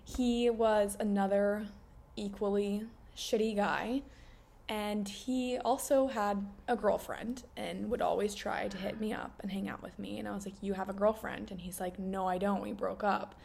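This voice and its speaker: Young woman co-host, wry casual chatter, mid pitch. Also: steady tone, vocal fry, darkish tone, a little hiss or hum. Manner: wry, chiming in with quick agreement. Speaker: podcast co-host. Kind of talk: casual chat.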